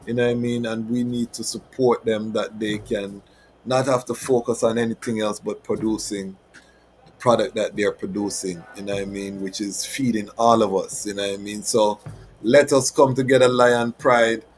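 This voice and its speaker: A man's voice: on the low side, level tone, normal speed, darkish tone, soft background music, low-quality recording. A man with a Jamaican accent speaking as a host in Rasta speech, making an informal appeal to his audience with patois phrases and proverbs. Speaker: host of a Rastafari reasoning platform.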